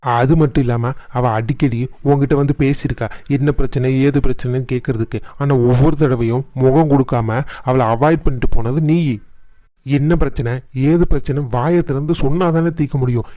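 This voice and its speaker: A man voicing a quick-tempered grown man in a family cartoon who scolds his brother heatedly. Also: medium pitch, steady tone, mellow, no room sound, close to an everyday voice. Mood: angry scolding. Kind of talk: cartoon voice acting.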